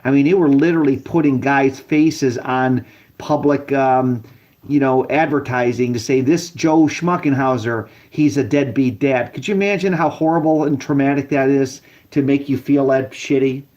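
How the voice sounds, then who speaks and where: A man's voice: mid-range voice, normal speed, darkish tone. A man talking casually over a bad phone connection, agreeable and rambling, often restarting his sentences. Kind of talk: casual conversation. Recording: dull lo-fi phone line.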